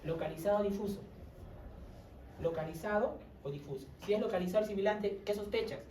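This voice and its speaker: A woman's voice: mid-range voice, a little fast, dark tone. A woman gives a medical lecture and keeps checking in with her students through short tag questions. She is picked up from some distance in a reverberant classroom. A faint background hum runs under her voice. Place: lecture room. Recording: roomy classroom audio from far off.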